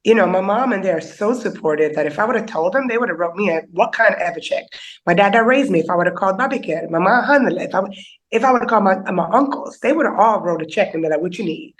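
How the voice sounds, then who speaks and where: A woman's voice: mid-range voice, lively intonation, fast talker, low-quality recording. A woman speaking as a podcast guest, telling a personal story in a candid, conversational way, a little teary and emotional. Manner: candid and conversational, heavy on fillers like "you know".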